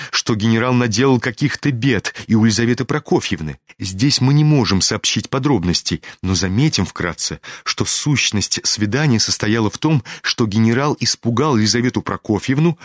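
A man giving a measured, literary audiobook narration. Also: on the low side, no echo. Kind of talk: scripted narration.

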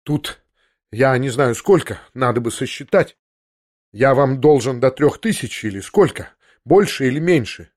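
A man's voice: mid-range voice, measured pace. A man voicing a proud young man in an audiobook, talking in a breathless, agitated, trembling way. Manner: excited, breathless and pleading. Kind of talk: audiobook character reading.

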